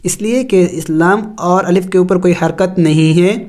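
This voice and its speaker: A man teaching tajweed, spelling out Arabic letters slowly and reciting, then explaining the rules. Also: sits high, a little mellow. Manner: slow drawn-out recitation between plain explanations.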